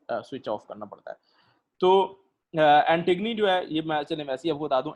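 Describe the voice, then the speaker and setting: A male lecturer, teaching a literature class online, explaining slowly with many pauses and fillers and putting questions to his students. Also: on the high side.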